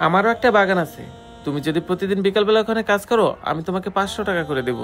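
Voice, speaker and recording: A man playing a gentle, fatherly stranger. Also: high voice, racing. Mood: kind. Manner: soft, coaxing, fatherly. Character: gentle, generous adult man, fatherly to children. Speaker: kind stranger helping two poor sisters. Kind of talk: scripted short web drama.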